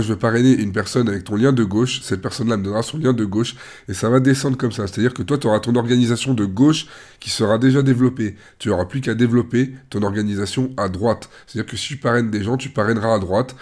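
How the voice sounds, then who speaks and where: A man with a rough, worn-out voice gives an informal step-by-step screen walkthrough, talking the viewer through each click. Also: lowish voice, darkish tone. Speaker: tutorial presenter.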